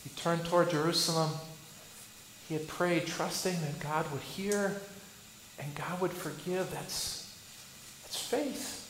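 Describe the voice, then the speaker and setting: A male Lutheran pastor preaching a sermon. He asks rhetorical questions and swings between loud bursts and hushed lines. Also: a little high, fairly even intonation, measured pace, echoey room, background noise.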